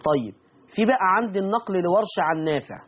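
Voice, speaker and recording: Husky high-voiced Egyptian man teaching. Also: expressive, highs cut off. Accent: Egyptian Arabic. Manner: demonstrates words slowly and repeats them. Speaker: Quran recitation teacher. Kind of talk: explaining recitation rules.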